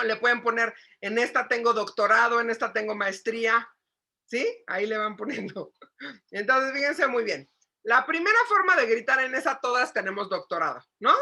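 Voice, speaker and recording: A woman psychologist giving a lively lecture to parents, asking the audience questions and acting out shouting. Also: fairly high pitch. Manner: animated, asks the audience questions, acts out shouting.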